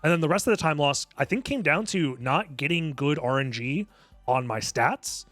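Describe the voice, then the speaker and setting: Male speedrunner, slightly high voice, casual analytical walkthrough style, dry room, faint music underneath. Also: lively intonation, normal speed, a bit bright, no echo. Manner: analytical, step-by-step explaining. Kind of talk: casual explanatory speedrun commentary.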